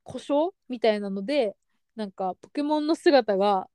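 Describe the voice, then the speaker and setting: A woman's voice: a little high, normal speed, mellow, smooth, no room sound, studio quality. A young woman co-hosting a casual podcast, telling a story animatedly and acting out the lines of the people in it. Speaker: podcast co-host.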